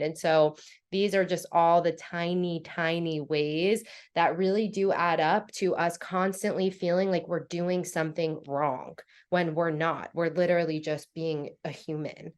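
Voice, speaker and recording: A woman guest in a casual interview, telling animated stories and acting out her own inner dialogue. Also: fairly low pitch, unhurried. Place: New York City.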